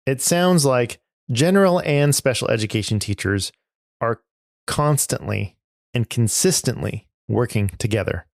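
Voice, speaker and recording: A man narrating his visit to schools as a podcast host, in a measured, reflective storytelling style. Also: mid-range voice, expressive, creaky, no echo, studio quality. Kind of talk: scripted narration. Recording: narration over guitar music. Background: guitar music.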